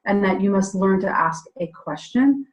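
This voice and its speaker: A woman's voice: mid-range voice, animated, moderate pace, dull audio. A woman co-hosting a casual podcast over a remote call, telling stories with quoted dialogue. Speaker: co-host. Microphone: remote call mic. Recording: audio dropouts on a call.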